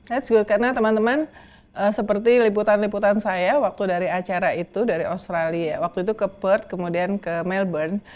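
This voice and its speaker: A middle-aged woman with a medium-pitched voice. She interviews in a casual, chatty way, sprinkling in English words. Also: steady tone, a little fast, a little mellow. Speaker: interviewer, journalist.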